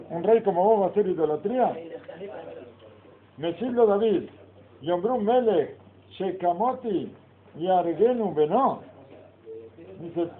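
A man, a rabbi teaching a Torah lesson. He reads Hebrew passages aloud, then explains them in with rhetorical questions. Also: high-pitched. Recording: phone-like lo-fi recording of a class with people around.

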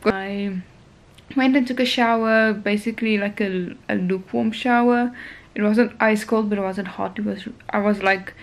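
A young woman vlogs casually at home, talking straight to the handheld phone she holds at arm's length as she moves between her kitchen and bathroom. Her medium-pitched voice stays steady at a moderate pace while she rambles on and cooks.

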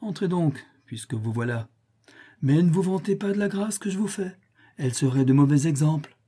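A man reading aloud, voicing a compassionate divine lord in a measured, solemn way, pitched well above his own voice. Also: animated, dark tone, breathy edge.

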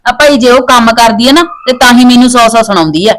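Actress as a scolding mother-in-law, quick-talking, a touch high. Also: natural voice, poor audio. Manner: scolding, nagging. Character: sharp-tongued middle-aged mother-in-law. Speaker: actor in a family skit. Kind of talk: scripted domestic skit acting.

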